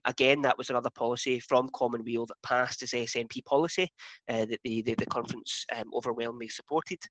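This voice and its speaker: A man from the Scottish Highlands with a Highland accent, giving an informal political talk in a hesitant, halting way with repeated words. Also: fairly bright tone, no room sound, rough recording. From Scottish Highlands and Islands. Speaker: political campaigner.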